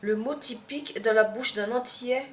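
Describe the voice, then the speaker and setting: A woman's voice: a little high, normal speed. A young woman from Martinique with a Martinican accent, chatting to camera in a casual tag video, hesitant with many fillers and restarts. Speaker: vlogger. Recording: echoey room, faint background hum.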